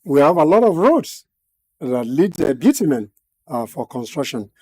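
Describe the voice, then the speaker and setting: With big pitch swings in a voice on the high side yet mellow and dark, a man serves as a guest analyst giving measured expert commentary in a TV studio. His formal phrasing is full of hesitations.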